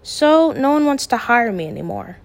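A woman voicing a steady, practical middle-aged father who speaks in a calm, measured and gently firm way. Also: a little high, vocal fry, pitched above the performer's own voice.

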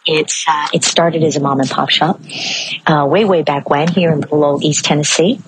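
An older woman from Maryland hosting a reflective solo podcast from outdoors. She stretches key words slowly and rushes through asides. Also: low-pitched, fairly even intonation, background noise. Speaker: podcast host.

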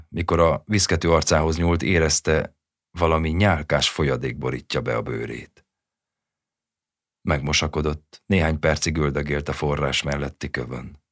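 A man narrating a short story as an audiobook reader with a steady storytelling delivery. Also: extremely low pitch, no room sound, studio quality.

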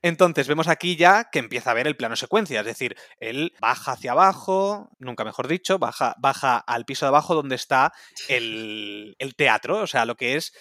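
A man's voice: mid-range voice, animated, moderate pace, pushed and bright, dry recording, clean studio sound. A man hosting a casual podcast, talking through a film scene by scene and steering the talk along with enthusiasm. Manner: guides the talk forward, enthusiastic. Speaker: podcast host.

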